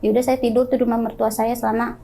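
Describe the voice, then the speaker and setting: A young woman tells a personal ghost story as an interview guest. She talks in an animated way and acts out other people's lines in quoted voices. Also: fairly high pitch, very fast, vocal fry. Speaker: guest telling her story.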